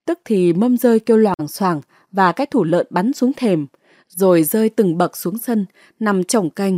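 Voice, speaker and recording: A woman audiobook narrator reading a novel in a dramatic, clear storytelling manner. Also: mid-range voice, measured pace, mellow, no echo, clean studio sound.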